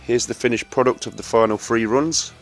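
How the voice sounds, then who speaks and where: A man giving a steady, instructive voice-over for a welding tutorial and talking straight to viewers. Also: medium pitch, a little fast, faint music behind.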